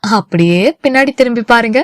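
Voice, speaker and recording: A woman voicing a lovestruck young man in a lowered voice in an audio novel. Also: moderate pace, no room sound, studio quality, natural voice. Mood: cheerful.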